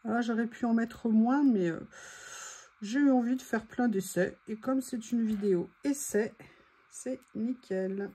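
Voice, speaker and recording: A woman with a slightly high, warm voice and a breathy edge talks at a measured pace, casually chatting and thinking aloud as host of a craft video. She clears her throat as her voice begins to give out, and faint background noise is audible.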